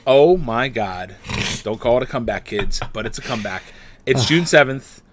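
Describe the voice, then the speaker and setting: A man's voice: medium pitch, moderate pace, fairly bright tone, slight background noise. A man co-hosting a casual podcast, opening with playful announcer-style intros and chatting energetically. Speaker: podcast co-host.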